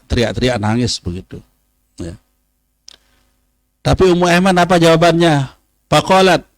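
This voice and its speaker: A man, teaching a religious study session, who says Arabic phrases slowly and then explains them. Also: on the high side, dry recording. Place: pesantren study hall.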